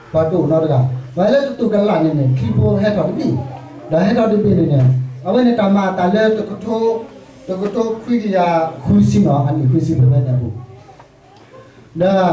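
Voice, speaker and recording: A pastor delivers a sermon to his congregation in a relaxed, conversational manner. His voice is somewhat high for a man, though dark and soft around the edges. The sound echoes, as though recorded from far back in a church sanctuary.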